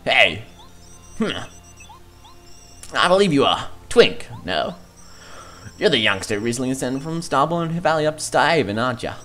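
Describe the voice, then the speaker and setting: A man's voice: medium pitch, expressive, measured pace, long pauses, sharp tone, soft background music. A man voicing a hearty male star spirit in a game let's play, jovial and friendly, calling others mate and lad. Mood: warm. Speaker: let's player reading character dialogue.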